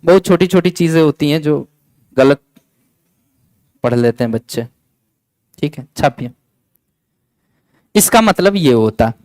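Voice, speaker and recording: A man's voice: fairly high pitch, lively intonation, a little slow, pauses often, a little mellow, no echo, low-quality recording. A man teaching a physics lecture in mix, chatty and coaxing, repeating key points and scolding students playfully. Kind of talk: classroom lecture.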